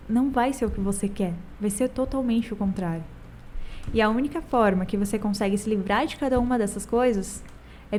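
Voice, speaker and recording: A woman hosting a youth church podcast, speaking in a calm, exhortative way and putting questions to her guests. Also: mid-range voice, a little hiss or hum. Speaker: podcast host. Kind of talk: reflective devotional talk.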